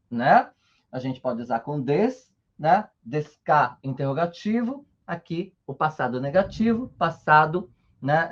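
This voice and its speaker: A man's voice: fairly high pitch, lo-fi sound. A man teaching Japanese in an online lesson, patient and checking in often with short tags.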